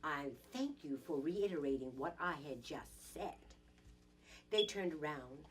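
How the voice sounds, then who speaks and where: In a low, expressive voice, a woman speaks at a measured pace and pushes her voice down. She improvises a dramatic monologue as an indignant, sassy businesswoman confiding in a girlfriend, leaning on theatrical emphasis.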